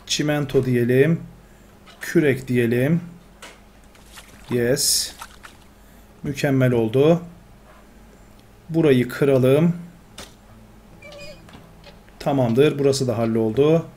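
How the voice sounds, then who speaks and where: A man's voice: mid-range voice, very slow, pauses often, a little hiss or hum. A man commentating his own gameplay, talking to himself and getting exasperated. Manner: talks to himself, excitable, exasperated. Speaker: gamer. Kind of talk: Let's Play commentary.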